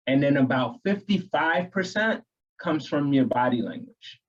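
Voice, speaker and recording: A man's voice: mid-range voice, animated, measured pace, muffled recording. A man from New York co-hosting a casual real estate training chat, explaining tips in an earnest coaching way. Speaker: real estate agent co-host.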